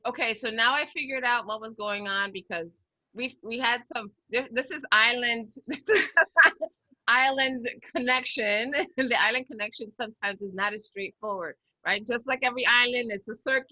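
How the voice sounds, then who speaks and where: A woman's voice: fairly high pitch, normal speed, pushed and bright, no echo, poor audio. A woman in her thirties hosting a casual interview over a video call, effusive and encouraging with her guest. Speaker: show host, interviewer. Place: home room with bookshelves. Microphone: computer on a video call.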